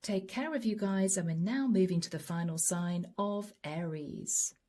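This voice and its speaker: Soft, intimate, and frequently whispered, a middle-aged woman's channeled tarot reading unfolds at a measured pace in a mid-range voice. She sounds slightly hoarse, worn by a long session.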